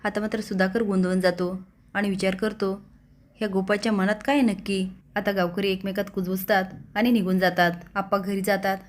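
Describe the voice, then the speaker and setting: Woman narrator, serial episode recap, scripted storytelling, mid-pitched voice. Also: little pitch movement, a little fast.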